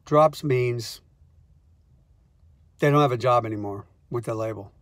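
A man who is a songwriter, telling comic stories in a wry, animated way and acting out the scenes. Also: medium pitch, unhurried, no echo. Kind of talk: comic storytelling monologue.

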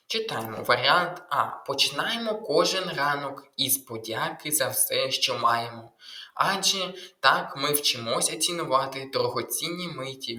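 A man's voice: mid-range voice, sharp tone, roomy sound, rough recording. A man tutoring through an exam walkthrough lesson, explaining patiently and stressing key letters and syllables. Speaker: language tutor.

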